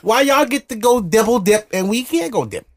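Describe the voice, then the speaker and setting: A very high-pitched male voice with lively intonation and normal speed comes from a studio podcast host out of Brooklyn, New York. He drinks alcohol while recording and laughs often, his talk loose, profane, brash, and provocative.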